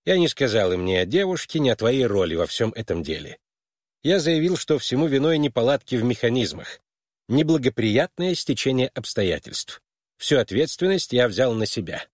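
Man voicing a tired irritable old official, lively swooping pitch, dry close sound. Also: normal speed, dry recording. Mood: tired, irritated.

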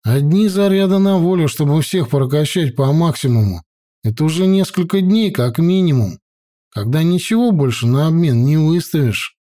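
A man's voice: fairly high pitch, animated, normal speed, mellow, lightly acted. A man voicing a grumbling, thoughtful young comrade who drawls his musings.

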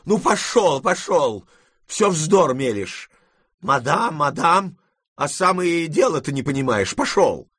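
A man voicing an imperious, hot-tempered elderly grandmother in an audiobook, scolding with drawn-out, shouted words. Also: on the high side, big pitch swings, breathy edge, dry recording, studio quality, voice pushed up, heavily acted. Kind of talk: audiobook reading.

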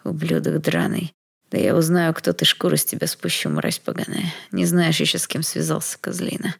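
A man's voice: little pitch movement, fast, a little mellow, close to an everyday voice. A woman reading an audiobook, voicing a coarse, rude redheaded young male bully. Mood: snarling. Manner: coarse, snarling, later shrill and panicky.

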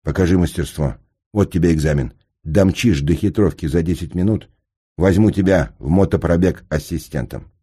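A man doing a calm, ironic middle-aged engineer. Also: sits low, breathy edge. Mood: commanding. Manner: measured, dry, with slight stammers. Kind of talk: audiobook character reading.

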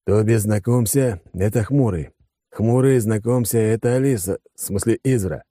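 A male narrator voicing a reckless, excitable young man who talks loudly, eagerly and bossily. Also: lowish voice, normal speed, no echo, clean studio sound, voice pushed up, natural voice. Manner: loud, eager, bossy.

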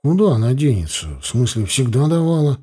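A man voicing a calm, easygoing teenage schoolboy in an audiobook. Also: mid-range voice, a little fast, husky.

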